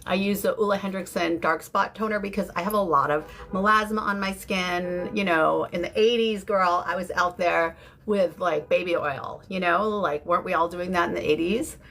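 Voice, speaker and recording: A livestream host in her fifties, UK-born and living in San Francisco, chats casually with viewers about beauty in an informal way and with an American accent. Her fairly low voice moves at a moderate pace with a fairly bright tone. The recording is clear, with background noise and room ambience.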